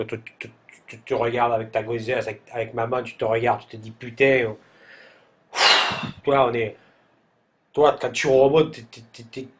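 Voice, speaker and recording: A man's voice: medium pitch, slight background noise. A man with a Marseille accent tells a humorous anecdote, stammering over repeated words and using coarse slang in a mocking, exasperated tone. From southern France. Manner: stammering word repetitions, coarse slang, addresses listener as tu. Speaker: comic storyteller.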